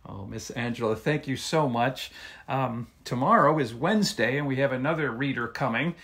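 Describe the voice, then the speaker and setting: A man's voice: medium pitch, moderate pace, fairly bright tone. A man hosting a children's story time, friendly and upbeat. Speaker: host. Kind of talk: casual chat.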